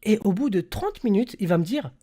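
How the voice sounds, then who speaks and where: Young guy streamer, animated storyteller, slangy chat. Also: high-pitched, brisk. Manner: animated storyteller, slangy, swings between loud bursts and quiet mumbling. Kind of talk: casual livestream chat.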